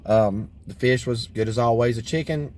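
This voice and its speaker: A man's voice: medium pitch, normal speed, a little mellow, slight background noise. Folksy rambling man reviewing a meal. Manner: rambling, folksy, frequent fillers. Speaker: vlog host. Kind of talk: casual food review chat. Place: inside a parked vehicle.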